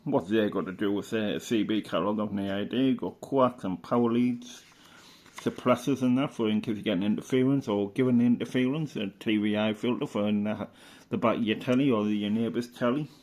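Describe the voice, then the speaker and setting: A middle-aged man with a lowish, slightly mellow voice talks briskly, yet informally and hesitantly, as he thinks aloud through a show-and-tell. He is a hobbyist vlogger giving casual, rambling show-and-tell commentary.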